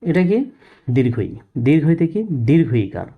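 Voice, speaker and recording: A man's voice: on the high side, big pitch swings, moderate pace, vocal fry, dull audio. A man teaching a first-grade reading lesson, patiently asking questions and answering them himself.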